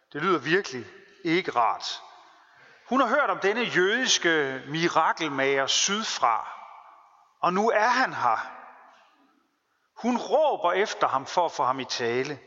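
A man preaching a sermon as pastor, earnest and deliberate, stressing his points through repetition. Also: on the high side, very animated, bright, forceful tone. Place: church. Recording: long church reverb, dull lo-fi sound.

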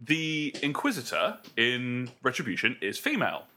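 A man co-hosting a casual podcast panel about video games, talking in a playful, lively way. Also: mid-range voice, normal speed. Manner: animated, playful, breaks into silly voices. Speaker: podcast co-host.

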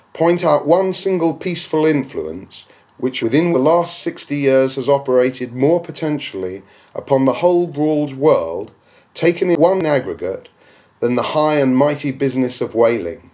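With rhetorical, declamatory phrasing, a man reads a classic novel aloud for an audiobook. His voice is fairly high-pitched and a little mellow.

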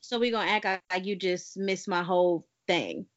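A woman's voice: fairly low pitch, moderate pace. A young woman hosting a casual podcast, brash and profane, teasing her co-host. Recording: dull lo-fi audio.

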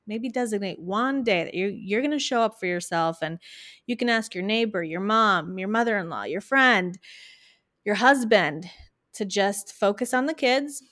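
A middle-aged woman, a business coach, talks through practical advice with animated energy and frequent restarts. Her voice is mid-pitched and recorded dry and close, with no room sound. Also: no room sound. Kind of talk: podcast interview chat.

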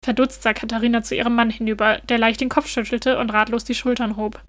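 A woman narrating a children's story in a gentle, even storytelling manner. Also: a little high, fast.

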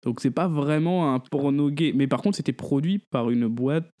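A man co-hosting a casual chat, quick and chatty, piling on details. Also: medium pitch, mellow. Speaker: podcast co-host.

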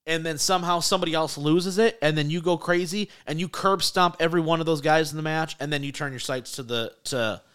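A man's voice: on the high side, a little fast, hardly any pauses, a bit bright, clear, resonant tone. A man co-hosting a sports podcast, ranting in exasperated, profane casual chat. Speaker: podcast co-host.

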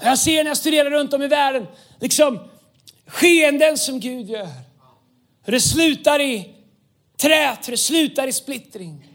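A man pastor preaching an impassioned sermon, often raising his voice to a shout and dropping English phrases into his talk. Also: extremely high pitch, pauses often.

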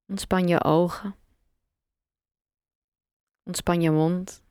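Calm woman guiding a meditation. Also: fairly low pitch, smooth, no room sound, studio quality. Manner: slow, calm, soft instructions with long pauses. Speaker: meditation guide. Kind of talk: guided relaxation meditation.

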